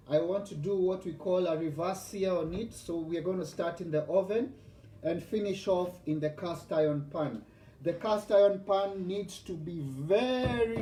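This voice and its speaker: A Kenyan man in his forties hosts a live cooking vlog, bragging and greeting his viewers by name. His voice sits high and mellow. The sound is roomy and echoey, with faint noise underneath. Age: 40s. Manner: boastful, chatty, addresses viewers by name. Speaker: host.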